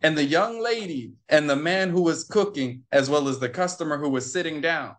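This is conversational storytelling from a male interview guest in the United States, whose voice sits a little high with a fairly bright tone. He keeps a moderate pace while acting out the back-and-forth and repeating phrases for emphasis.

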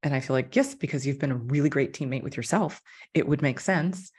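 A woman's voice: rumbling low, brisk, darkish tone, breathy edge. A woman hosting a podcast group chat, effusive and emotional, with lots of affirming murmurs. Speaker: podcast host.

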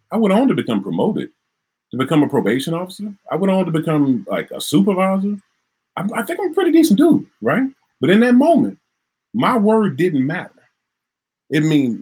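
A middle-aged man from Minnesota recounting a personal story in an animated way, repeating words and acting out the voices. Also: on the high side, slightly rough. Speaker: interviewee recounting a traffic stop.

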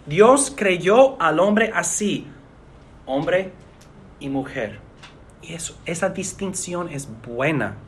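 A man, a pastor, preaching an earnest sermon in a measured way with pauses. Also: fairly high pitch, lively intonation, a little hiss or hum.

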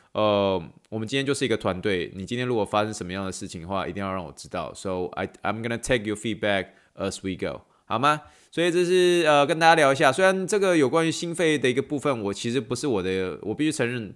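A man's voice: fairly low pitch, a bit bright, clean tone. Tired man teaching playfully. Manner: playful, mixes in English phrases and spelled-out words. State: tired, late-night recording. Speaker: podcast host and athletic trainer. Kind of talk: casual podcast teaching.

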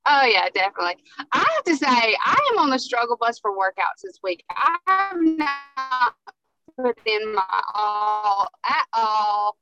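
A woman co-hosting a casual chat over a lo-fi video call connection, chatty and quick to laugh. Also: a little high, lively intonation, over music. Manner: chatty, laughs easily, repeats words. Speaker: co-host.

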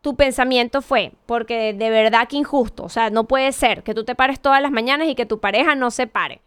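A woman's voice: on the high side, brisk, fairly bright tone, smooth, dry recording, clean studio sound. A woman giving a conversational motivational talk, asking rhetorical questions and correcting herself as she goes. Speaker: motivational speaker.

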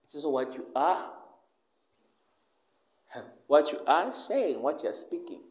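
A man's voice: on the high side, very animated, unhurried, darkish tone. A man preaching a sermon, asking the listeners questions and answering them himself. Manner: emphatic call-and-response questioning. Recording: echoey room.

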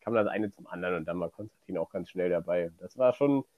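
A man's voice: low-pitched, fast, dry recording, narrow, tinny audio. A man with a light Rhineland German accent, chatting casually and rambling through stories as a podcast co-host. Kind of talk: casual chat.

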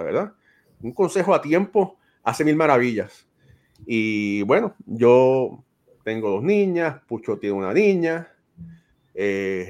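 A man hosting a casual podcast chat over a video call, giving earnest, fatherly advice and often tagging his sentences with a questioning "right?". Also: mid-range voice. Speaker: podcast host.

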